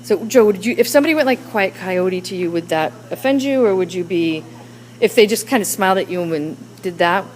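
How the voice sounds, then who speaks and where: A woman's voice: medium pitch, expressive, fairly quick, a little mellow, a little hiss or hum, poor audio. A woman teacher leading a classroom discussion with children, coaxing them with question after question.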